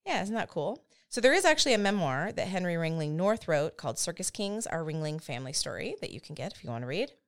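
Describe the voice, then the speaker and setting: A woman in her thirties hosts a casual storytelling podcast, chatty and quick to laugh at herself. Her voice sits fairly low yet swoops around animatedly. The tone is smooth and clear. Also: big pitch swings. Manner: chatty, laughs often, self-deprecating asides. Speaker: podcast host.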